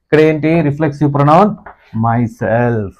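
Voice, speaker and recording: A man with a Telugu accent teaching English grammar. He reads English definitions slowly and deliberately, then explains quickly and asks the class questions. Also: medium pitch. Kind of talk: classroom-style grammar lesson.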